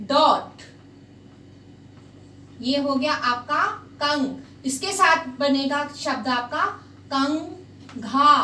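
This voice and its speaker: High-pitched lady teaching hindi, slow and patient, faint hiss behind. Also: bright, forceful tone. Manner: patient, repeats sounds slowly and switches into English. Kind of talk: slow spoken language lesson. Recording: echoey room, voice a bit far from the mic, faint hiss.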